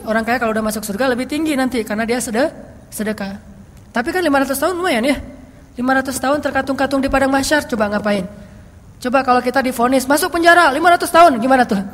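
A woman giving a casual religious study talk as a preacher, telling stories in a lively, chatty way. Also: sits high. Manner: lively storytelling, chatty asides. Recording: long hall reverb.

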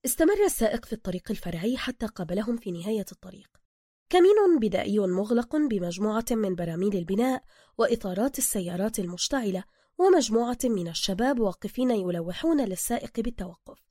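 A woman with an Egyptian accent narrating a story aloud and voicing its characters in a lively manner. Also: medium pitch, fast talker, no echo, clean studio sound. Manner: lively, shifting between many character voices. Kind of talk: storybook narration with acted voices.

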